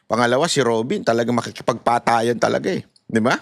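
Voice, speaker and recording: A middle-aged man with a Filipino accent giving animated, casual political commentary and laughing as he talks to his viewers. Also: mid-range voice, fast talker, creaky, no room sound.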